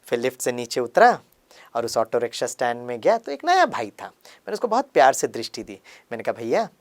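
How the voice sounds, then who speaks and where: A man's voice: medium pitch, a little fast. A male spiritual speaker tells a teaching story, his voice swinging widely up and down. He acts out the lines of the people in it and slips English words into his talk. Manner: acts out dialogue in lively voices; mixes English words into Hindi. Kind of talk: storytelling sermon.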